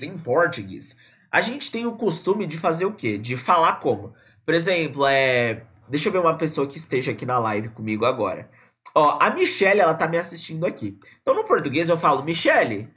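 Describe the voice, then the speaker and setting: A man from Brazil teaching a live online English lesson, casual and chatty, repeating words slowly to model pronunciation. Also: a little high, pushed and bright. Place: indoors at a computer, streaming live.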